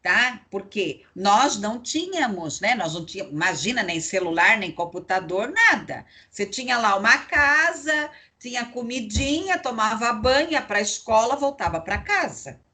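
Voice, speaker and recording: A woman's voice: fairly high pitch, sing-song, moderate pace, few pauses, sharp tone, breathy edge. A middle-aged woman teaching psychology in an online class, chatty and full of tag questions to her students.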